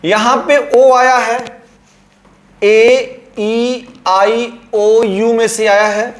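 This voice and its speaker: A man's voice: very high-pitched, steady tone, drawn-out words. A male teacher explaining grammar at a board, repeating words and drawing them out.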